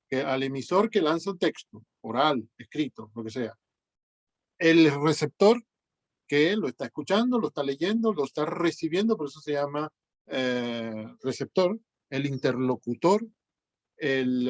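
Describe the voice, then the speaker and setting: A man's voice: a little high, darkish tone, no room sound. A man lecturing his class over a video call, explaining step by step with many fillers and self-corrections. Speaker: teacher.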